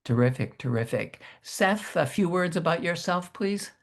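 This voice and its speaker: A man hosting an interview over a video call, with a formal, measured, welcoming delivery. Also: a little high, expressive. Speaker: host.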